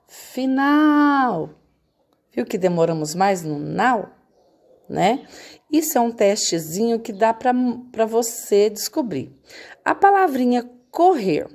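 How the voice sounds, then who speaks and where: A woman's voice: mid-range voice, warm tone. A woman teacher going over homework in a recorded lesson, patient and checking in with her students often.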